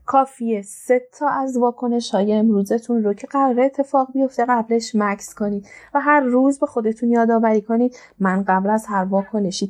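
A woman's voice: mid-range voice, darkish tone. A woman speaking as a personal development coach on a motivational podcast, urging listeners directly and repeating her points.

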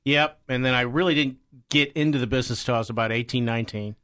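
A man with a medium-pitched voice is a guest on a business interview. He tells stories casually and with a joking manner. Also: quick pace, fairly bright tone. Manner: joking, anecdotal. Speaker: guest, company president.

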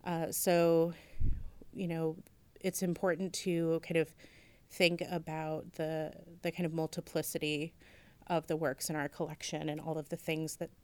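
A woman's voice: deep voice, flat delivery, a little slow, a little mellow, clean tone, dry recording. A woman museum curator answering interview questions, thoughtful and hesitant, with many fillers and restarts. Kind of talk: interview conversation.

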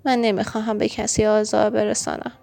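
A woman voicing a friendly, curious little oxygen character in a storybook, in a high, excited and anxious manner. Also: gravelly, faint music behind, lightly acted. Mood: fearful. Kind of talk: storybook reading.

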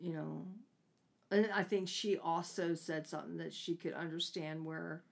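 A woman's voice: low-pitched, fairly even intonation, moderate pace, gravelly. A woman co-hosting a casual book discussion, talking hesitantly and trailing off with fillers. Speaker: book podcast co-host.

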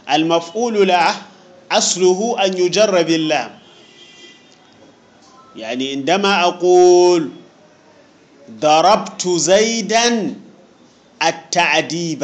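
In a teaching room with students present, a man gives an Arabic grammar lesson, patiently working through examples, repeating key points and checking that they understand. His voice is on the high side, with slight background noise.

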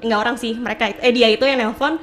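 A young adult woman telling a ghost story in casual chat, animated, acting out the quotes with lots of fillers. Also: a little high, racing, slight background noise. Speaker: guest storyteller.

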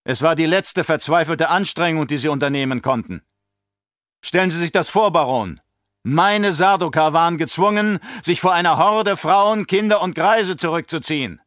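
A man voicing a cold, imperious emperor who speaks with sarcastic command and bursts into shouting. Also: fairly high pitch, normal speed, dry recording, clean studio sound, voice pushed up, lightly acted. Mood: scornful. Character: cold, imperious male emperor, quick to rage.

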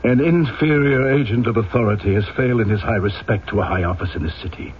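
An actor playing a rigid, coercive police inspector in an old-time radio drama, with clipped, formal, insistent questioning. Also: male voice, fairly low pitch, quick pace, natural voice. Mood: formal, stiff. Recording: dull, noisy old radio broadcast.

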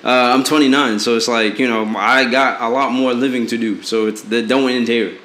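In a casual advice segment, a late-twenties male podcast co-host gives blunt takes on relationships at a moderate pace. His voice is medium-pitched, somewhat bright, and fairly even, though he rambles with frequent fillers and restarts. Faint noise and echo fill the room.

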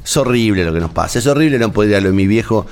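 A man's voice: fairly low pitch, animated, very fast, darkish tone. A man with an Argentine Spanish accent, talking in a casual, rambling, emotional way as a host, with many restarts. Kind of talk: casual on-air chat.

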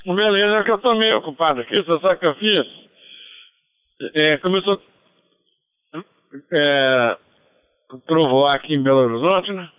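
Man on a two-way radio, high clear voice, relaxed ham radio chatter, tinny and dry. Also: normal speed, pauses often, no echo. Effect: transmitted over a two-way radio. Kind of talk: casual radio chat. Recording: narrow tinny radio transmission.

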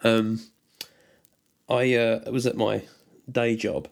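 A man's voice: lowish voice, level tone, slow, gravelly. A young British man co-hosting a podcast, ranting sardonically and swearing often. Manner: sweary, sardonic ranting with mocking put-on quotes. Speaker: podcast co-host. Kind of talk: casual chat.

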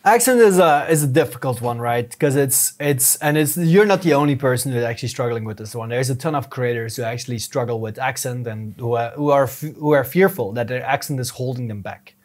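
A man's voice: medium pitch, brisk, few pauses. A man speaking as a podcast guest, explaining earnestly in a casual interview style, often restarting his sentences. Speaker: podcast guest, YouTube strategist.

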